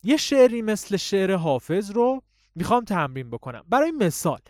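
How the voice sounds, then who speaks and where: A man's voice: big pitch swings, darkish tone, no echo. Guy teaching speaking skills, voice goes up and down a lot, dry close sound. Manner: swings voice high and low in drills. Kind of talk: spoken lesson with recited examples.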